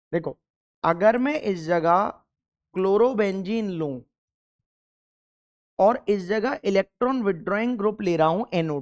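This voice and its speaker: Emphatic male teacher, smooth voice. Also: sits high. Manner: emphatic, keeps repeating key points and asking the class questions. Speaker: chemistry teacher. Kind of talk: exam-focused classroom lecture.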